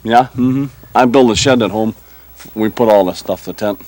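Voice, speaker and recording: A man from Midland, Michigan, with a Yooper accent from the Upper Peninsula is interviewed as a deer camp member, showing someone around the camp in a casual, folksy way. His voice is lowish, moderately paced and a little mellow.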